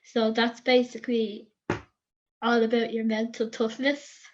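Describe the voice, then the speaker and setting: A woman's voice: on the high side, level tone, a little slow, darkish tone, lo-fi sound, a little hiss or hum. A cheerful, giggly woman with an Irish accent, a guest chatting on a video call with short answers. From Ireland. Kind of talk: casual video call chat.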